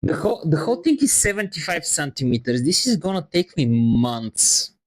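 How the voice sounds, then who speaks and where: A man's voice: on the high side, big pitch swings, normal speed, poor audio. A man streaming while he paints, chatting casually and rambling in a self-deprecating way on a wireless lapel mic. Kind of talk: casual chat on a live stream. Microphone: wireless lapel microphone.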